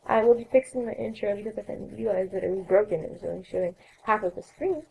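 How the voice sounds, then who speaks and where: A young woman hosting a let's play, chatting through her gameplay with a raspy voice that has a cold in it and a rambling way of correcting herself. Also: mid-range voice, fast, warm tone, slight background noise, poor audio. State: coughing, sore throat. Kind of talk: casual gameplay narration.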